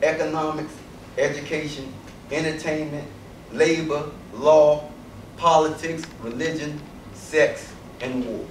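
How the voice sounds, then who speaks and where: A man with a fairly high voice delivers an emphatic public speech and keeps putting rhetorical questions to a student audience. He is picked up from a distance in an echoey lecture hall, with a faint hum of room noise behind him. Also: steady tone, takes it slowly. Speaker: invited speaker addressing a student audience.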